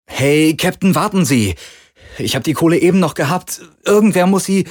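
A man voicing a nervous young male smuggler who pleads urgently and loudly. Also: mid-range voice, big pitch swings, normal speed, breathy edge, pitched above the performer's own voice. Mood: desperate, pleading.

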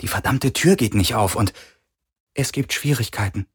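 A man's voice: lowish voice, normal speed, pitched above the performer's own voice. A man doing a cornered, cursing space rogue. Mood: tense. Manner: gruff, swearing.

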